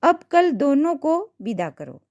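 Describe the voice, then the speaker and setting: A woman voicing a middle-aged husband who speaks in a hushed, confiding way. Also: sits high, big pitch swings, slow pace, no room sound, clean studio sound, pitched above the performer's own voice, heavily acted. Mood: hushed scheming.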